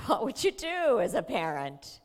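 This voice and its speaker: A woman's voice: fairly high pitch, very animated, measured pace. A woman giving a talk and telling a story in a conversational way, with fillers and restarts. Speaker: speaker. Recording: long hall reverb.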